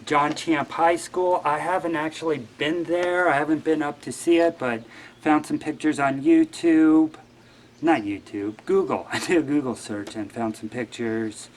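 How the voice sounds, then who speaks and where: A man's voice: a little high, unhurried, a little hiss or hum. A man guest-hosting a show, talking in a rambling, wry and offhand way. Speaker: guest host. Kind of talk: casual monologue.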